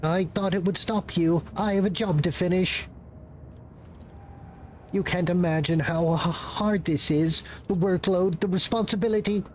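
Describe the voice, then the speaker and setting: A man's voice: sits high, steady tone, unhurried, a little hiss or hum. A man voicing a frantic, guilt-ridden, overworked clerk in a video game, stammering and pleading as he talks. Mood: anxious pleading. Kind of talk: improvised reading of game dialogue.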